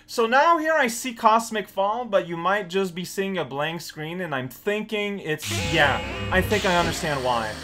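Higher-pitched man rambling over game music. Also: pushed and bright. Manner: wry, rambling asides. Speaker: let's play host. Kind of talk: casual gameplay commentary. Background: video game music and sounds.

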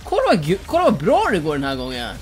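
Gamer, headset, loud and cocky, big swings in pitch, game music running behind. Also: huge pitch swings. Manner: shouty, boastful, trash-talking. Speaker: let's play gamer. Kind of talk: excited gameplay commentary.

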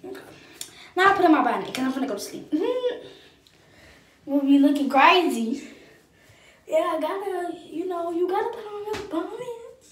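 A woman's voice: very high-pitched, expressive, moderate pace, pauses often, reverberant, distant mic, slight background noise. A young woman, chatting playfully and rambling while doing her hair for her vlog. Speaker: vlogger.

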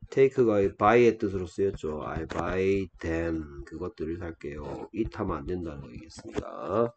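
Slow, low-voiced man teaching English. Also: a little mellow, lo-fi sound, a little hiss or hum. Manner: reads English lines slowly and deliberately, then explains in Korean. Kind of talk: textbook lesson explaining dialogue.

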